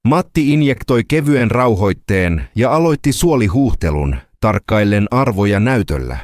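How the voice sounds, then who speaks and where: A man narrating a scripted dramatic story in a lively, storytelling manner. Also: fairly low pitch, no room sound, studio quality.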